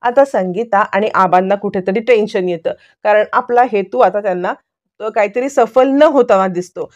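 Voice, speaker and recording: A woman's voice: mid-range voice, moderate pace, a little mellow, highs cut off. A woman retelling a serial episode in a chatty storytelling way, with the dialogue woven in. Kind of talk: storytelling recap.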